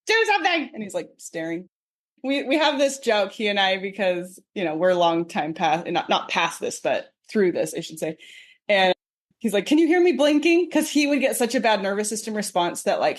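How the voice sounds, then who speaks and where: A woman in her forties, a psychotherapist guest, explaining in a chatty, animated way and laughing often. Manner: animated, acts out quoted voices with big pitch jumps. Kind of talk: casual expert explanation in a podcast interview.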